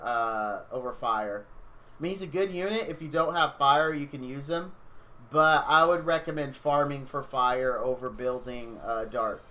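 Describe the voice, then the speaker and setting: Tired male streamer, slightly high and bright, loose rambling chat with viewers over gameplay. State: tired, yawning. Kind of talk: casual game-stream commentary.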